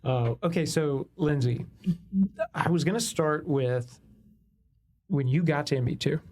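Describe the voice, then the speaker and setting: A man's voice: a little high, measured pace, a little mellow. Jokey man co-hosting a podcast. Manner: jokey, self-deprecating, many restarts. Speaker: podcast co-host. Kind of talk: casual interview chat.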